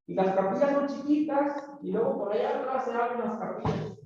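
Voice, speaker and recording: Guy teaching a church speaking class, high voice, super echoey room, mic far away, kinda muffled. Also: fairly quick, darkish tone. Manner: addresses the class as brothers, asks "¿verdad?" often. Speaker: teacher of an oral communication workshop. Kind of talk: classroom lesson with church preaching tone. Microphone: camera far from the speaker. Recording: distant, very echoey, dull camera audio with faint noise.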